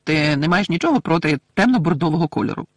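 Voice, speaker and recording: A man's voice: a little high, expressive, quick pace, slight background noise, pitched above the performer's own voice. A man voicing a friendly, generous teenage schoolboy in an audiobook.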